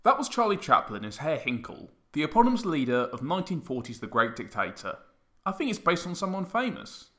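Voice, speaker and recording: A man's voice: on the high side, big pitch swings, a little fast, bright, forceful tone. A man co-hosting a casual film podcast, chatting with frequent restarts. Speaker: podcast co-host. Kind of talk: casual film review chat. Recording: echoey room.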